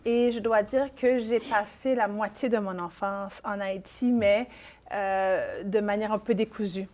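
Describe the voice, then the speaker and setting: Woman, forties, Quebec French accent, interview guest, measured, hesitant. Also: mid-range voice, steady tone, darkish tone. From Haiti. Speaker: family lawyer, guest. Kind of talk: conversational interview.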